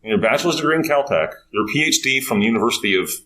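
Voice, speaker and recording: A man hosting a casual interview podcast, chatty and quick to jump in with agreement. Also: medium pitch, expressive, bright, forceful tone, a little hiss or hum, poor audio. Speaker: podcast host.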